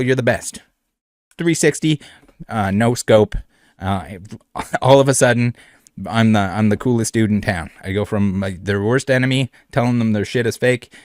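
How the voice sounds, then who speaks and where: A man's voice: lowish voice, no echo, clean studio sound. A man hosting a trading card video in casual commentary, rambling and repeating phrases, with many fillers. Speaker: trading card channel host.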